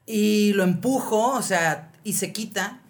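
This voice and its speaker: A woman with a Mexican accent tells a personal story as a podcast co-host. Her delivery is animated and slangy, full of fillers and quick asides. It sounds like a casual chat between friends. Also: mid-range voice. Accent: Mexican Spanish.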